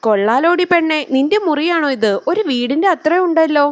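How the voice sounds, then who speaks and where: A woman voicing a lively young woman, a playful best friend, in a storybook reading. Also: sits high, fairly quick, no echo, voice pushed up. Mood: teasing. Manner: playful, bantering.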